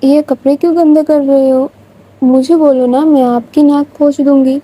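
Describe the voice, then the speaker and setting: A woman's voice: high voice, fairly even intonation, mellow, lightly acted, poor audio. A woman voicing a mild, plain-spoken elder household helper. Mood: gentle.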